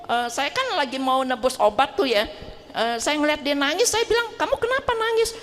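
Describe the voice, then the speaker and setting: A woman's voice: high-pitched, normal speed, long reverb tail. A middle-aged woman telling a personal testimony in a casual, chatty way, acting out the voices in her story. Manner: chatty, animated, acts out quoted voices, laughs often. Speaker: parish group member sharing testimony. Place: church hall.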